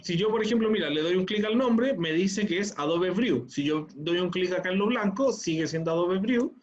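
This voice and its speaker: High-voiced male teacher explaining. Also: normal speed, highs cut off. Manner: patient, explanatory, frequent "¿ya?" check-ins. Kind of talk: online class instruction.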